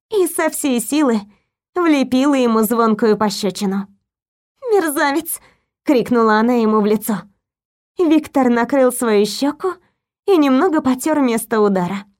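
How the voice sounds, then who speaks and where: A woman narrating an audiobook in a steady, even storytelling manner. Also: on the high side. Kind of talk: scripted narration.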